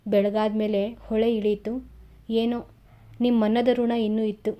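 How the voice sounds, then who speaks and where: A woman playing a humble working man, exhausted and modest, recounting in a soft, quiet voice. The tone is mellow and a touch high, close to her own reading voice. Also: level tone, a little slow, natural voice.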